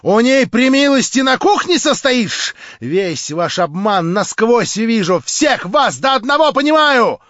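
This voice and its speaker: A man's voice: sing-song, unhurried, hardly any pauses, a bit bright, dry recording, heavily acted. A man voicing a half-mad lame woman who mocks and shrieks, in a dull, dry recording. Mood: shrieking. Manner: shrill, scornful, laughing outbursts.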